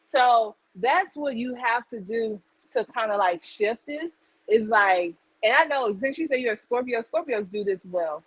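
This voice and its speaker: A woman's voice: fairly high pitch, animated, a little slow, breathy edge, no room sound, poor audio. A woman hosting a live tarot reading on a stream, talking loosely and conversationally. She strings thoughts together with lots of fillers and keeps asking whether the listener follows. Her voice sits close and dry, with no room sound around it. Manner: rambling and conversational, heavy on "like" and "you get what I'm saying". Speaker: psychic tarot reader. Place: home livestream setup.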